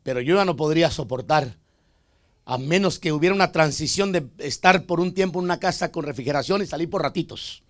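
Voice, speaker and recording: A man with a high voice preaches from a church pulpit. He shifts between fervent, loud declarations and soft, joking asides, and keeps addressing the congregation as his brothers. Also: a little fast, no room sound. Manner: calls out "hermano" to the congregation. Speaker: pastor. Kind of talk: Spanish sermon. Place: church sanctuary.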